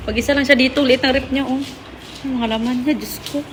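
A woman's voice: sits high, moderate pace, over music. A woman vlogger giving a teasing, playful house tour, laughing often as she chats.

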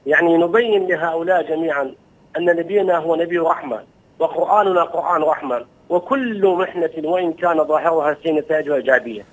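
A man's voice: a little high, quick pace, lo-fi sound. A man, a religious scholar, answering an interviewer in a fluent, preaching manner. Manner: fluent, quoting and retelling stories with emphasis.

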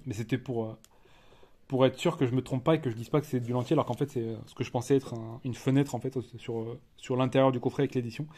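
A man with a French accent giving a casual unboxing commentary as a collector, chatty and halting, with many fillers and restarts. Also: mid-range voice, steady tone, warm tone. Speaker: collector reviewing a disc edition.

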